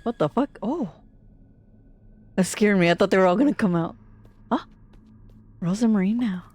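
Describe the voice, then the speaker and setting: A woman's voice: mid-range voice, animated, normal speed, a little mellow. A woman streamer giving casual horror game commentary, full of jumpy reactions, exclamations and swearing.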